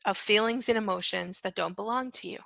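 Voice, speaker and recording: A woman's voice: medium pitch, a little fast, creaky, bright, forceful tone, no room sound. A woman speaking as a spiritual coach, teaching in a conversational way and often checking in with "right?" and "okay?". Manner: soothing, repetitive chanting of phrases, fading to a whisper. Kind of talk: guided clearing meditation and teaching talk.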